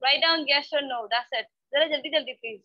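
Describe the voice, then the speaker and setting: A woman's voice: high-pitched, measured pace, no echo. A woman teaching a spoken English class online, scolding her students and switching between Hindi-Urdu and English. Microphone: computer mic on a video call. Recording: dull, dry online-call audio.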